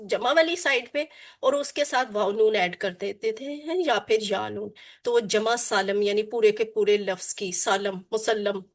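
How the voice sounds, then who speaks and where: A woman teaching a Quran Arabic class, drilling her students with repetition and call-and-response and mixing in English terms. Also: a little high. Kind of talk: online class lesson.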